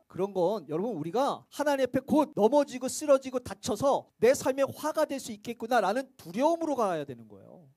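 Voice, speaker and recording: A man's voice: sits high, no echo. A man preaching a church sermon, talking conversationally and asking the congregation rhetorical questions. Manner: acts out quoted voices, sometimes shouting. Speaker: pastor.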